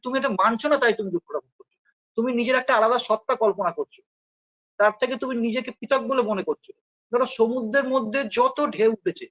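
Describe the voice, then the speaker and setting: Bengali guy with a really high voice, patient spiritual explainer, muffled lo-fi sound. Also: a bit bright. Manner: patient, explanatory, uses rhetorical questions. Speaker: spiritual teacher. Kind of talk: philosophical discussion. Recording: dull lo-fi recording.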